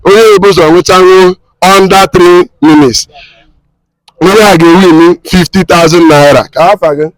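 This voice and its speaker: A man with a Nigerian Igbo accent hosting a challenge with excited, boisterous commentary and repetitive hyping. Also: high voice, moderate pace, dry recording, rough recording. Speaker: host of a comedy drinking challenge.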